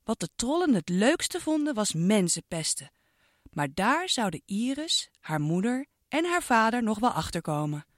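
A woman narrating a children's storybook with an expressive, sing-song delivery aimed at a child listener. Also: a little high, normal speed, no room sound, studio quality.

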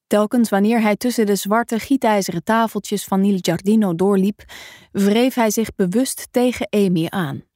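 A woman reading a novel aloud as a calm, even audiobook narrator. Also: medium pitch, normal speed, no echo, studio quality. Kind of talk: scripted narration.

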